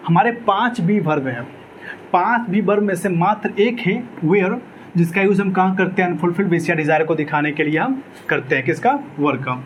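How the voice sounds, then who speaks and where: A man's voice: high voice, moderate pace, a little hiss or hum, poor audio. A man teaching an exam-prep English grammar lecture, asking his own questions and answering them, repeating key words.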